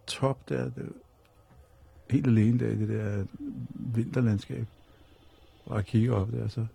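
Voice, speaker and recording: A man's voice: mid-range voice, gravelly, dark tone, husky, dry recording. A man telling a personal story as a radio guest, in a rambling, repetitive way. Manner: rambling and repetitive, leaning on fillers.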